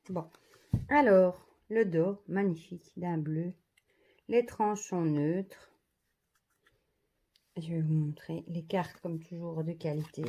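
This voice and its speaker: A woman's voice: lowish voice, warm tone. A woman showing off an oracle card deck in a casual vlog, murmuring each card's name in an admiring voice that often drops to a half-whisper.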